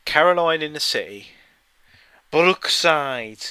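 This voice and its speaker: Bright, crisp man joking around. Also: a little high, expressive, slow pace, dry recording. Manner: jokey, reads listings aloud in bits. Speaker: streamer co-host. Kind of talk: casual chat on a live stream.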